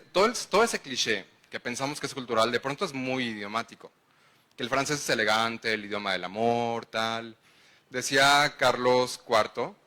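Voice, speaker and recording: A man's voice: medium pitch, pushed and bright. A man with a Mexican accent giving a public lecture, engaging the audience with questions. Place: lecture hall.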